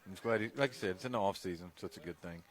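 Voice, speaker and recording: On a live high school football radio broadcast, a male sports broadcaster with a low voice tells stories and banters casually at a racing pace. He's an animated storyteller, acting out what people said.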